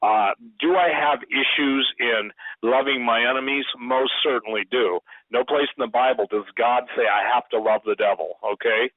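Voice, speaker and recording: A man's voice: medium pitch, normal speed, no room sound. Guy phoning into a radio show, praying hard and preaching, keeps restarting words, tinny phone sound. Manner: fervent, repeats and restarts words. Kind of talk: spoken prayer and radio talk. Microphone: phone call into a radio show. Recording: tinny dry phone line.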